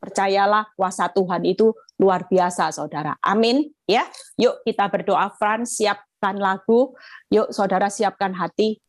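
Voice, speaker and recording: A woman's voice: mid-range voice, measured pace. A middle-aged woman evangelist, preaching over a video call and telling a personal story, acting out the voices of the people in it. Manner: addresses listeners as brothers and sisters. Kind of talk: sermon with personal testimony.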